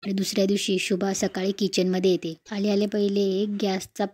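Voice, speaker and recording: Casting: woman storyteller, steady and plain, flat even pitch. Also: fairly quick. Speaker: narrator. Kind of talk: retelling a TV serial episode.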